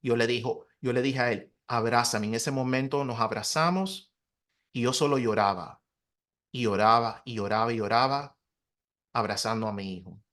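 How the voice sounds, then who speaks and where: A man in his thirties, a pastor, giving an earnest, confessional personal testimony in conversation, his voice dropping softly at emotional points. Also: mid-range voice, normal speed. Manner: earnest, confessional, soft-spoken with emotional dips.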